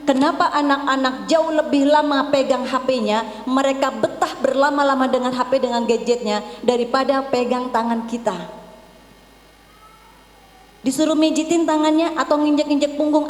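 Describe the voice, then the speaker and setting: A woman giving a lively parenting seminar, playfully calling out to her audience and leading call-and-response. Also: high-pitched. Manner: energetic, calls out to the crowd, playful asides. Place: large hall with a live audience. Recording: echoey hall with long reverb.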